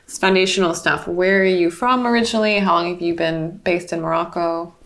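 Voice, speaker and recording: A woman's voice: fairly low pitch, fairly even intonation, a little fast, fairly bright tone. Bubbly upbeat woman host. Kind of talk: enthusiastic casual interview.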